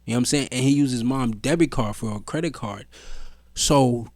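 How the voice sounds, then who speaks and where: A man's voice: medium pitch, fairly quick, a little mellow, no room sound. A young man co-hosting a podcast, telling a long story in loose, slangy casual chat. His voice sits in a middle register and is recorded dry and close, with no room sound around it. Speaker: podcast co-host.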